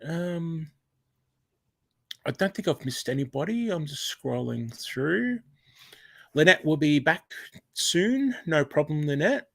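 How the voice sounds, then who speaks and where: A man with an Australian accent chats casually during a live stream, reading comments aloud with lots of fillers and restarts, and thanks viewers warmly. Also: on the high side, animated, takes it slowly, vocal fry, long pauses, no room sound. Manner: chatty, rambling, with many fillers and restarts; warm thanks to viewers, often exclaiming.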